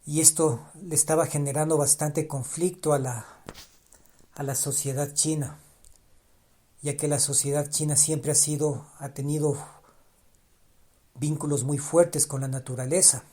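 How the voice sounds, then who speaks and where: With long pauses and an unhurried, steady delivery, a slightly high, mellow-voiced man reflects alone on his podcast. He often restarts phrases and repeats ideas for emphasis; Spanish is his first language.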